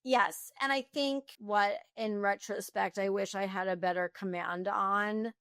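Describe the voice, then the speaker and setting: A woman who founded a company, talking candidly in an interview, fast and animated, with many restarts and "like.". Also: medium pitch, smooth, no echo, studio quality. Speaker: founder and guest.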